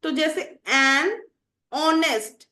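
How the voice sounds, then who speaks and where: A woman's voice: high voice, drawn-out words, pushed and bright. A woman teacher explaining English grammar to students, asking the class questions and answering them herself. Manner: addresses students as children. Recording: roomy echo.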